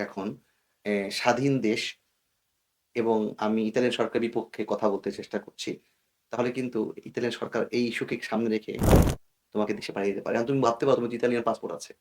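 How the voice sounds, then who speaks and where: A man from Bangladesh, a guest in an interview, explaining in earnest, cautionary tones and mixing English words into his speech. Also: fairly low pitch. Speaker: guest expert.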